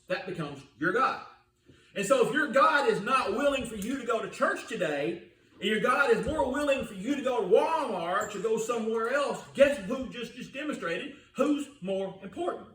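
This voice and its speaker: A man's voice: extremely high pitch, fairly bright tone. An older man preaching a sermon in a folksy, storytelling way, often asking the congregation questions. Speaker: pastor. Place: church sanctuary. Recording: roomy church recording from a distance.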